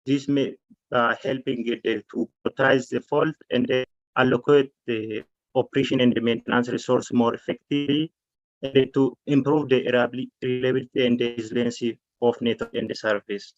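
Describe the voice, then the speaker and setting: A man from Ethiopia giving a technical presentation of his solution, halting with fillers and restarts. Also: medium pitch, flat delivery, dry recording. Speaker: challenge presenter. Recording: dull lo-fi call audio.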